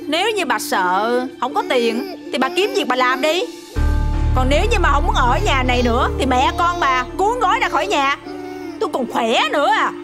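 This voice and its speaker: Bratty spoiled southern vietnamese girl, high and snotty, loud music under it. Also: lively intonation, normal speed. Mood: arrogant. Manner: rude, arrogant, dismissive. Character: spoiled, arrogant young woman, a big spender. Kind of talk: TV drama acting. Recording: music score under dialogue.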